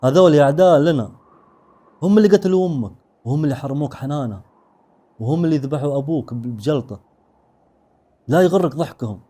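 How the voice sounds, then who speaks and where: Stern old grandfather, menacing and cold, sharp delivery, put on by a man, dark tone. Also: medium pitch, quick pace, long pauses, husky, close to an everyday voice. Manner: sharp, forceful warnings.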